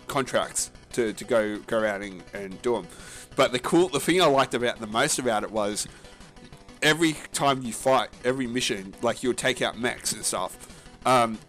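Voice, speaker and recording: A man's voice: mid-range voice, fairly bright tone. Rambling casual man on a gaming podcast. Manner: rambling, halting, with many fillers and restarts; casual and profane. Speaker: podcast co-host.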